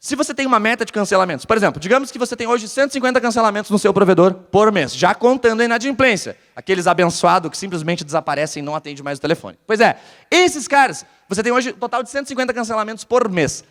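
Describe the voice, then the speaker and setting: A man's voice: sits high, quick pace. A man from Porto Alegre with a southern Brazilian accent, giving a live business talk to an audience and keeping them engaged by quizzing them. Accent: southern Brazilian (gaúcho). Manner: energetic, keeps quizzing the audience. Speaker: conference speaker. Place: large hall with a live audience. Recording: reverberant hall sound.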